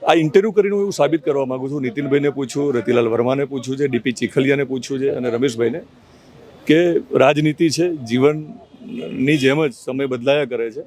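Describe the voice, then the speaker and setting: A man interviewing a politician, asking slow, thoughtful questions with hesitations and addressing viewers directly. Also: medium pitch, darkish tone. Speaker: interviewer and news reporter. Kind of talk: conversational interview with asides to viewers.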